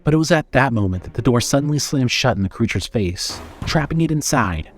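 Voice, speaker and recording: Casting: mid-pitched male narrator, steady suspenseful reading of horror fiction, faint noise behind. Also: fairly quick. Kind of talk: scripted horror story narration.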